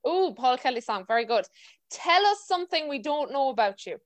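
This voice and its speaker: A woman's voice: high voice, big pitch swings, brisk. A woman with a west of Ireland, County Mayo accent, hosting a casual, chatty podcast interview over a video call. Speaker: podcast host.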